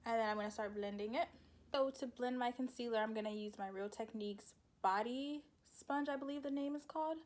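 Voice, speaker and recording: A woman's voice: on the high side, fairly quick. Chatty young woman vlogger. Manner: chatty, rambling, laughs at her own slips. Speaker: beauty vlogger. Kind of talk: casual makeup tutorial chat.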